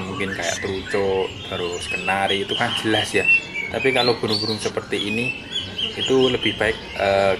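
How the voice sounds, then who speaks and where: A man, chatting casually as a bird-keeping vlogger and explaining while he films outdoors with a phone. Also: on the low side. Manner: friendly, chatty, keeps saying "friends" with a dropping tail. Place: outdoors by bird cages on paving. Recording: phone audio with clear background noise.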